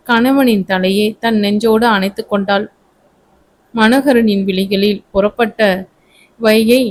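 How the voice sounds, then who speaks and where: A woman narrating a romance novel aloud in a measured storytelling manner. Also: fairly high pitch, a little mellow, slight background noise.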